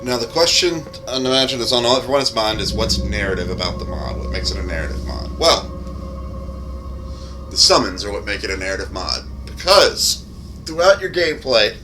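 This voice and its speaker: A game streamer and modder shows off his own mod, talking through the gameplay in a casual, rambling, explanatory way with some offhand swearing. His voice is lowish and expressive at a normal speed, with music playing behind him.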